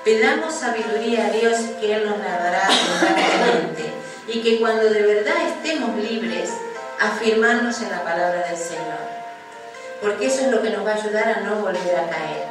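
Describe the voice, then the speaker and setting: A woman pastor preaching a sermon in an earnest, measured way, slowing down for emphasis. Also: medium pitch. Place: church hall. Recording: echoey hall from far off, music behind.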